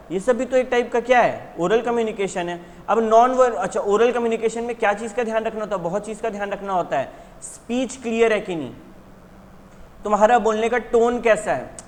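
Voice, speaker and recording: A man's voice: sits high, big-room sound. A man teaching an exam revision lesson in a conversational way, asking his students questions and then answering them himself. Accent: Indian English words.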